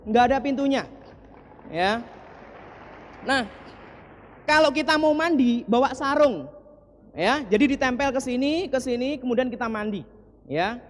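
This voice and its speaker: A man's voice: very high voice, lively intonation, unhurried, long pauses, slight background noise. A man in his forties from East Java, telling a personal story to an audience in an earnest way, often turning to the audience with short asides. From East Java, Indonesia. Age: 40s. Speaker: motivational speaker. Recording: long hall reverb.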